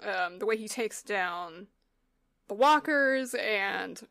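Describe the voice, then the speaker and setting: A woman's voice: mid-range voice, expressive, slow pace, creaky, fairly bright tone. A woman co-hosting a podcast, chatting casually and hesitantly, with many fillers and restarts. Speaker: podcast co-host. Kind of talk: casual chat.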